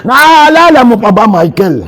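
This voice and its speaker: High-voiced energetic male seminar speaker. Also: unhurried. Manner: energetic, joking, calls out to listeners, leads shouted chants. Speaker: seminar speaker for overseas workers. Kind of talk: lively seminar talk leading group chants.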